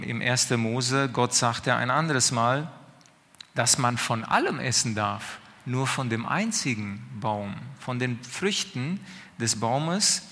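Male preacher, chatty sermon, keeps asking "right?", bright voice, reverberant hall. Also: mid-range voice, gravelly. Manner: questioning, conversational, drawn-out pauses.

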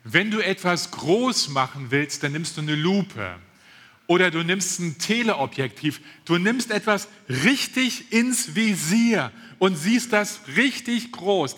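A man preaching a sermon, emphatic, repeating key phrases and drawing words out slowly. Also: sits high, bright, forceful tone. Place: church hall. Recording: long reverb of a church hall.

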